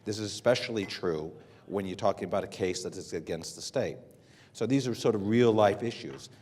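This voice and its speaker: Deep-voiced American man on a panel. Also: a little mellow. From United States. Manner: unscripted, measured, with frequent fillers and restarts. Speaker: panel speaker. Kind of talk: conference panel talk. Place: hotel conference room.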